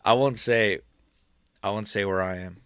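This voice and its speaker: A young American man in his early twenties, an MMA YouTuber, chats loosely on a live stream, reading chat questions and rambling with plenty of fillers and laughter. His voice is lowish and slightly bright, smooth, at a moderate pace. The sound is clean studio quality with no echo.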